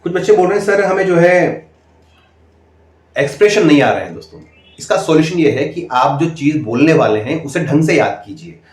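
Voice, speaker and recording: A man's voice: on the high side, lively intonation, normal speed, darkish tone. A man coaching interview candidates in speech, emphatic and repetitive, often asking "okay?". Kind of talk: direct-to-camera coaching talk. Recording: echoey room.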